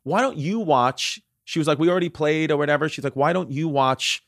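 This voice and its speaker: A man's voice: fairly high pitch, a little fast, dry recording, clean studio sound. A man in his thirties hosting a podcast, telling stories in a loose, rambling way with frequent repeats and laughter. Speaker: podcast host. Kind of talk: casual comedic chat.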